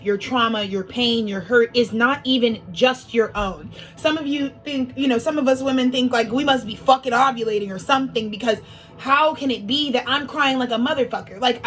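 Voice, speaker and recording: Her voice sits a little high as she gives a relaxed spiritual monologue in the role of an astrology speaker. There's a slight sniffle, a lot of rambling and filler words, and frequent swearing.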